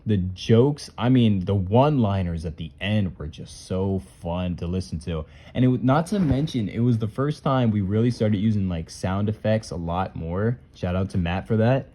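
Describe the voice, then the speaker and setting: A man's voice: lowish voice, expressive, moderate pace, few pauses, mellow, a little hiss or hum. A man who makes puppet skits, casually talking through and ranking them in a loose, rambling way. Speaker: puppet skit creator. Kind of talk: casual commentary reviewing skits.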